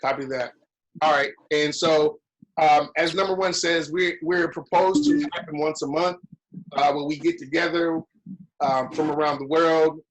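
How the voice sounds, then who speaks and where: Relaxed male host, slightly higher voice, easygoing "copy that" call-and-response. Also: moderate pace, poor audio. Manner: relaxed, repeats "copy that" radio-style. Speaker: online lodge meeting host. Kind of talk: casual meeting chat.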